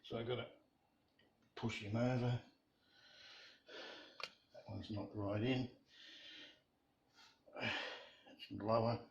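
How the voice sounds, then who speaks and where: Man, lowish voice, unhurried workshop talk, dull lo-fi recording with faint hiss. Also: fairly even intonation, gravelly. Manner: slow, plain-spoken, self-deprecating. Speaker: hobby woodworker. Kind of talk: casual workshop narration. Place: home shed workshop. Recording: dull lo-fi sound with faint noise.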